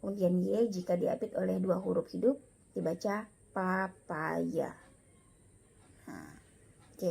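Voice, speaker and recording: A woman lecturer giving a recorded lesson, slow and patient, repeating each example aloud. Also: medium pitch, vocal fry, mellow. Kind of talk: recorded lecture on Latin pronunciation.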